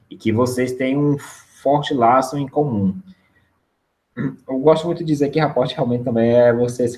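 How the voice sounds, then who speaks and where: Brazilian man giving a casual sales webinar. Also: lowish voice. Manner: conversational, keeps adding a questioning "né?". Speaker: sales trainer presenting a webinar.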